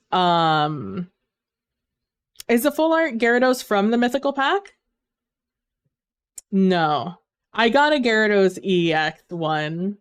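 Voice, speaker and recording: Streaming a game on a headset microphone, a woman talks casually and rambles with fillers while her voice gives out. Her mid-range voice has a clean tone with no echo.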